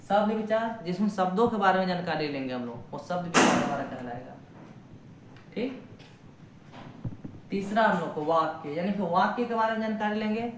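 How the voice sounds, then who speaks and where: A man's voice: sits high, roomy sound, a little hiss or hum, rough recording. A man teaching a Hindi grammar lesson online, explaining step by step in a colloquial way and asking the class questions. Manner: colloquial, folksy sayings, reads examples slowly.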